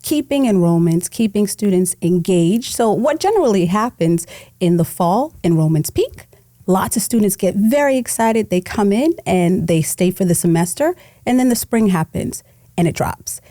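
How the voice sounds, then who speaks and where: A woman's voice: mid-range voice, expressive, moderate pace, warm tone, dry recording, studio quality. A woman from Guyana talking as a guest in a podcast interview, emphatic and affirming. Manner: emphatic, affirming, repeats words for stress. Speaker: podcast guest, higher education consultant. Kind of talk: conversational interview.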